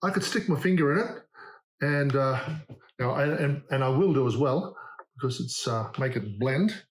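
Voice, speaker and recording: A man with an Australian accent talking through a hands-on how-to demonstration, describing each step in a relaxed way as he works. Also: mid-range voice, normal speed, reverberant. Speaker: DIY demonstrator.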